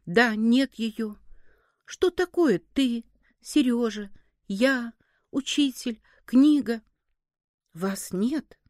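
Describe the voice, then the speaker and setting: A woman's voice: on the high side, darkish tone, no room sound, studio quality. Woman reading as a brooding young boy. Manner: slow, pondering, then crying out.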